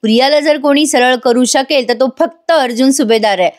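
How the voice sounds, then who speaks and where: A woman's voice: sits high, normal speed, lightly acted. A woman voicing a cheerful young man who teases his friend playfully. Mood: teasing. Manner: playful, teasing.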